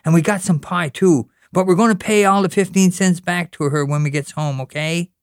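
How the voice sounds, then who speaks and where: Lightly acted at normal speed, the reader's clean-toned, high and childlike voice plays an earnest young boy pleading and questioning while he prays and bossing his little brother around. It's a fiction reading captured dry, with clean studio sound.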